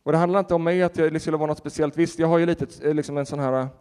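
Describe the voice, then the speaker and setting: A man who is a pastor, preaching a sermon and telling stories in a lively way with acted-out quotes. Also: fairly high pitch, clear, resonant tone. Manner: animated storytelling with laughter and acted-out quotes. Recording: reverberant hall.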